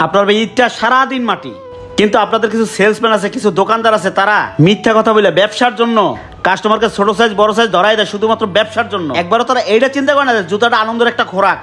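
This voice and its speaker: Pleading high-voiced man. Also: racing, fairly bright tone. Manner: pleading, earnest, rural colloquial speech. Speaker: poor father buying shoes, then closing speaker. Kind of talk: amateur social drama acting.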